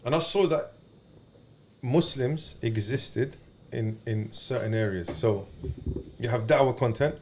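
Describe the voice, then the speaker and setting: A man's voice: medium pitch, measured pace, pauses often, a little mellow, a little hiss or hum. A man with an urban London roadman accent talking casually as a podcast host, using street slang and often checking that he is understood.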